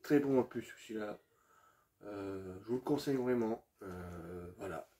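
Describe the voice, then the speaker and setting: In a mellow, low-ish voice and at a slightly slow pace, a man shows off his video game collection. He's casual and hesitant, with lots of fillers and restarts, and talks to viewers as if they were friends.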